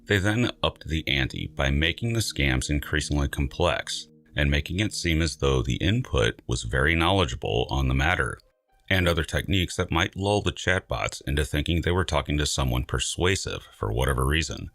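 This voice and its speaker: A man reading scripted science narration in a measured, emphatic, dryly wry way. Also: extremely low pitch, animated, a bit bright.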